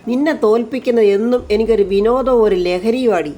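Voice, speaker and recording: Woman doing a sly scheming matriarch, taunting, gloating, slightly high voice. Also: fairly quick, mellow, natural voice. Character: scheming, mocking middle-aged woman, family schemer.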